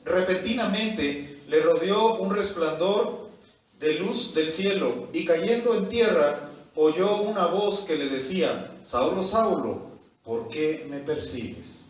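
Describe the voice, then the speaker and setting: A pastor with a somewhat high voice leads a Bible study, reading scripture aloud and breaking in with exhorting asides. He sounds distant from the microphone. His voice rings through a very echoey church hall. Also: animated, takes it slowly.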